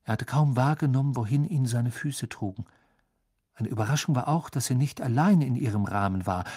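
Ein Mann liest ein Hörbuch ausdrucksvoll und dramatisch vor. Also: male voice, medium pitch, fairly quick, breathy edge, dry recording, studio quality. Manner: expressive, dramatic storytelling. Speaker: audiobook narrator. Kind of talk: scripted audiobook narration.

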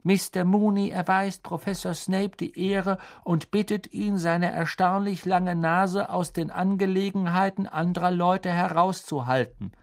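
A man's voice: sits high, fairly even intonation, measured pace, few pauses, pitched above the performer's own voice. A man voicing a mocking enchanted map that speaks with mock-polite, taunting formality. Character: mocking enchanted map, cheeky male pranksters' voice.

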